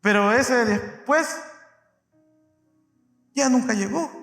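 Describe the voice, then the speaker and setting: A male pastor preaches with a very high, bright voice, speaking emphatically and addressing his listeners directly. He swings between loud and soft, and the sound carries a long, echoing church-hall reverb. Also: takes it slowly, faint music behind. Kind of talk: sermon.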